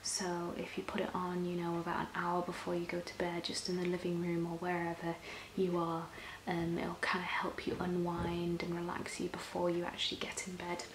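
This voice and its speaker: Woman, ASMR role-play, soft and breathy, lowish pitch, gentle shop-assistant explaining, noisy recording. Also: completely flat delivery, moderate pace, hardly any pauses. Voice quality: soft-spoken, often breathy and soft-spoken. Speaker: ASMR performer playing a personal shopper. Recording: roomy echo, clear background noise.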